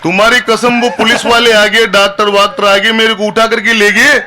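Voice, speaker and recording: A man's voice: high voice, flat delivery, normal speed, pushed and bright. A man, a comic poet reciting live on a festival stage, chatty and always asking the crowd "haan?". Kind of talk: live stand-up poetry recital.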